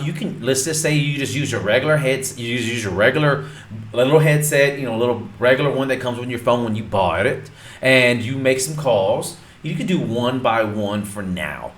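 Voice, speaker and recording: A man coaching viewers in a casual instructional video, talking emphatically and repeating his points straight at the audience. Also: medium pitch. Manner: emphatic, repetitive, addresses viewers directly. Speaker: real estate coach. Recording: roomy echo.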